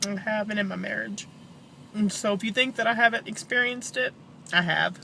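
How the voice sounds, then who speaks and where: Sad woman doing a personal vlog, halting and downcast, bright edgy voice, little bit of noise behind. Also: medium pitch, creaky, low-quality recording. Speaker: vlogger, bereaved mother.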